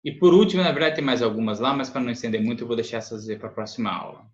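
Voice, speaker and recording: A man with a Brazilian Portuguese accent, teaching an English lesson, patiently explaining sentences, often adding "né?", reading examples slowly. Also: medium pitch. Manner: patient explanations, frequent "né?" tag questions. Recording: echoey room, dull lo-fi sound.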